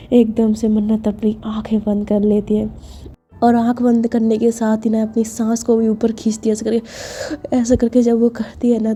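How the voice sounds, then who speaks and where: Woman chatting through a love story, higher voice, very mellow and flat. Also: slightly rough. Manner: chatty, intimate retelling with many fillers. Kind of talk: casual romance story narration.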